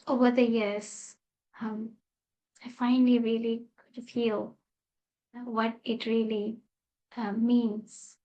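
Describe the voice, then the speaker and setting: A woman from Malaysia gently telling a personal spiritual story as a guest speaker, with soft fillers. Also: a little high, low-quality recording. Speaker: guest speaker, meditation teacher.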